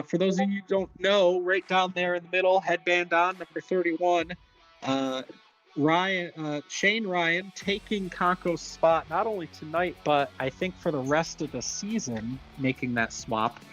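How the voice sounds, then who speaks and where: Male sports play-by-play host, slightly high pitch, chatty, casual, self-deprecating, light music underneath. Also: measured pace, a bit bright, low-quality recording. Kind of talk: casual live sports commentary.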